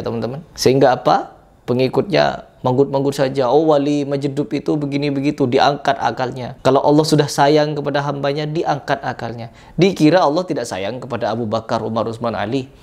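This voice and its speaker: A man's voice: medium pitch, a little mellow. A man giving indignant, preachy reaction commentary full of rhetorical questions. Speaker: religious commentator reacting to videos.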